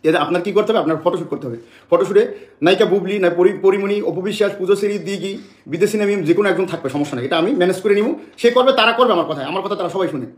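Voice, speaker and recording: A man's voice: high voice, very fast, reverberant. A man from Bangladesh making an emotional public statement to the press, agitated and repeating phrases over and over.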